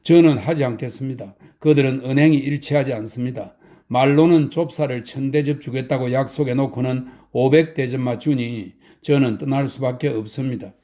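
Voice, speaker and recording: A man's voice: medium pitch, a little fast, dark tone, close to an everyday voice. A man reading a polite young male disciple who complains in an audiobook. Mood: aggrieved.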